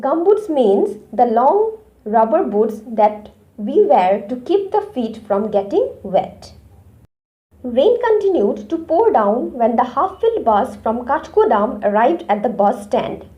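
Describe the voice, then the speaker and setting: High, lively teacher woman. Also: takes it slowly, lo-fi sound. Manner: explains words and speaks directly to young pupils. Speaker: English teacher. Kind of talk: online class lesson explaining a story.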